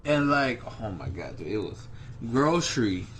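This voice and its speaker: A young man co-hosting a casual podcast, telling work stories in an animated, exaggerating way. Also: lowish voice, a little slow, a little hiss or hum. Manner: animated storyteller, exaggerates for laughs. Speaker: podcast co-host. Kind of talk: casual chat.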